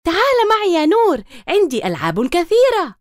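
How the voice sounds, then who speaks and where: A woman voicing a lively, excitable little girl who talks eagerly in exclamations. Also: very high-pitched, normal speed, no room sound, studio quality, voice pushed up. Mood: excited.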